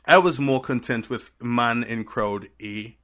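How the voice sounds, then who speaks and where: A man with a Trinidadian accent carrying an American tinge, telling stories as a podcast guest in an animated way. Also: medium pitch. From Trinidad and Tobago. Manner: animated storyteller, quick to laugh. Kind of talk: casual podcast chat.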